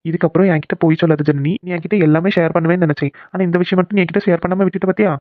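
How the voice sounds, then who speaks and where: A performer voicing a caring young man in a cartoon who coaxes and gently scolds his friend. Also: medium pitch, fairly even intonation, rapid-fire, dry recording, natural voice. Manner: coaxing, bossy, gently scolding. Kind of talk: cartoon voice acting. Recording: tinny phone-like sound, dry.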